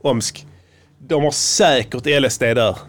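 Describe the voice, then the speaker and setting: A man hosting a casual podcast, talking in a rambling, profane way with frequent restarts. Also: mid-range voice. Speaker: podcast host.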